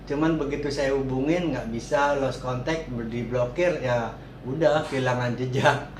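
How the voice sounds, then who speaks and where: A man's voice: mid-range voice, normal speed. A man giving casual, informal interview answers, often repeating his words and affirmations. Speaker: cat boarding and grooming business owner being interviewed. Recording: echoey room, clear background noise.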